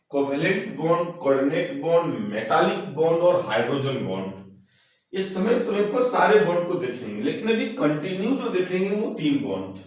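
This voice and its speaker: A man teaching a recorded chemistry lecture, slightly hoarse from a cold, explaining slowly and repeating himself. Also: fairly high pitch. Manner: slow, repetitive explaining, mixing English terms. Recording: very echoey, far-off mic.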